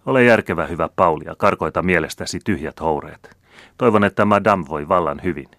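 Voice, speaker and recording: A male audiobook reader voicing a suave aristocratic count who speaks with smooth, condescending irony. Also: sits low, fairly bright tone, no echo, clean studio sound. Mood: coolly mocking. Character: suave aristocratic count, coolly mocking diplomat.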